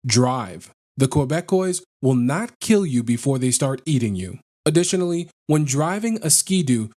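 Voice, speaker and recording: A man narrating online posts in a flat, list-like read-aloud delivery, as a scripted narration. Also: on the high side.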